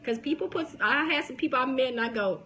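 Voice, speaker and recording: Her voice high, pushed and bright, the woman speeds through a casual phone live stream about promoting books. She's a book promotion coach and podcaster in her 40s who sounds youthful and baby-voiced, animated, full of restarts and laughter, with a little hiss or hum in the audio.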